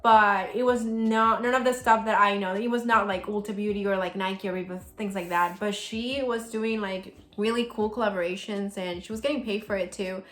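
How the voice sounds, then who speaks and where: A young Salvadoran woman answers viewer questions in a casual Q&A vlog, chatting loosely and leaning heavily on "like." Her medium-pitched voice is fairly bright, with fairly even intonation, a moderate pace and hardly any pauses. The recording sounds roomy, with faint music underneath.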